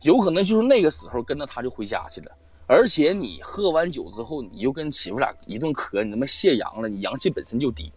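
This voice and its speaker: Man, quick lively storytelling, swears a lot, acts out dialogue. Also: medium pitch. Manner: swearing, animated retelling with quoted dialogue. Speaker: storyteller guest on a live-stream show. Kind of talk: casual spoken ghost story.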